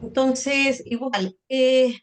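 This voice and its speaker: A Chilean woman leads a sonnet workshop over a video call. Her voice sits a little high. She explains step by step and keeps checking that her students are following. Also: drawn-out words. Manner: checks in often with "¿ya?" and "¿cierto?". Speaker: literature teacher leading a sonnet workshop. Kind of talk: online class explanation.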